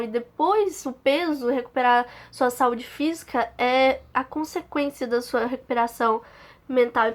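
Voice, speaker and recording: A young woman from Brazil speaks straight to camera, recounting her own experience. Her voice sits a little high, and her delivery is earnest and halting, full of small restarts and pauses as she gathers her thoughts. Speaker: channel host. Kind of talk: personal storytelling to camera.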